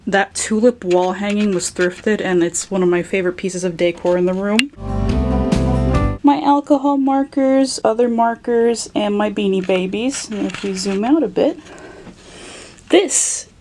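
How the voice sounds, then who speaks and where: Over loud music, a young woman from Philadelphia, USA, casually narrates a tour of her indoor sewing room and office at home. Her medium-pitched voice is a little slow, and the collector stays playful and affectionate, with dry jokes about her toys.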